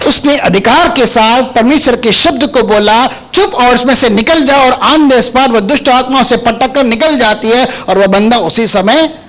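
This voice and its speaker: A male pastor preaching to his congregation with a high voice for a man. He asks rhetorical questions and waits for the congregation to answer. He repeats phrases to drive each point home. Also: unhurried, fairly bright tone. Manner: emphatic repetition. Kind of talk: sermon.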